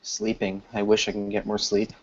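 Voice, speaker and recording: A man's voice: fairly low pitch, completely flat delivery, moderate pace. A man co-hosting a casual live stream, chatty and teasing toward the host. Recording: dull lo-fi stream audio.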